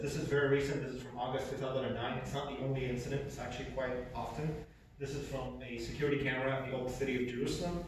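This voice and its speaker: A man's voice: mid-range voice, a little hiss or hum. A man, giving an earnest personal testimony with emphatic repetitions. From Egypt. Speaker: speaker. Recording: echoey hall from far off.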